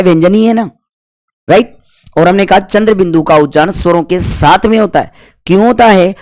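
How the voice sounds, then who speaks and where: A man's voice: high voice, dry recording, studio quality. A man teaching a Hindi grammar lesson for exam preparation. He asks questions and answers them himself, and he stretches out syllables to demonstrate pronunciation.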